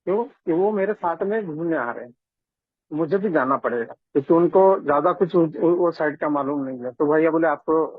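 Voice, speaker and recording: A man tells his recovery story in an earnest, conversational way, often turning to the listeners as friends. His voice sits high and a little husky. The sound is dry and tinny, like a phone call. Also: no room sound. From India. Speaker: AA member sharing his story. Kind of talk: personal recovery testimony. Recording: tinny phone-line audio.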